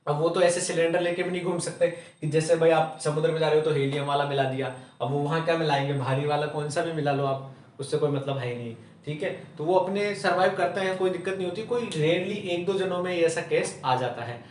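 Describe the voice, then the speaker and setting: A male chemistry teacher from Rajasthan, India lectures a class in a slightly high, quick voice, posing rhetorical questions and answering them himself while closing nearly every point with "theek hai." The recording sounds roomy and echoey, with the mic placed at a distance.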